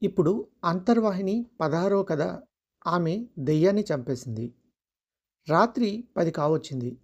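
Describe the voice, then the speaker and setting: Measured storyteller on a dull recording. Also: medium pitch, expressive, a little mellow, husky. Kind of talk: scripted story narration.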